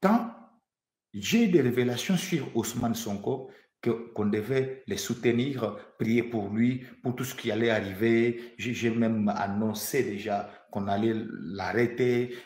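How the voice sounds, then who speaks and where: Preaching a prophetic sermon with fervor, a Congolese man from the DRC repeats phrases to drive points home and stammers as he starts over. He speaks a little slowly in a low, slightly mellow voice, recorded in an echoey room.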